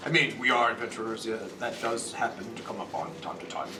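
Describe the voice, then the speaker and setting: A man role-plays casually at a game table, feeling out his lines with some hesitation. His medium-pitched voice comes from away from the mic, with clear noise in the background. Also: fast talker, roomy sound, distant mic. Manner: hesitant, improvising. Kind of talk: casual in-character role-play.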